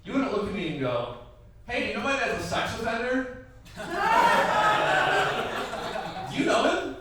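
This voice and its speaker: His voice is extremely high and swoops wildly as he takes his time. This young Iraqi-family comic, raised in the Midwest and in his twenties, tells stand-up stories loosely, with plenty of "like"s and acted quotes. The tavern comedy room is echoey, the mic is distant, and background noise is heavy.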